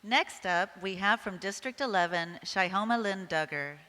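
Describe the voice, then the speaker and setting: A woman's voice: medium pitch, normal speed, noisy background. A woman announcing pageant contestants, reading prepared introductions formally. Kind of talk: scripted announcing. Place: event hall. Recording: reverberant hall over PA.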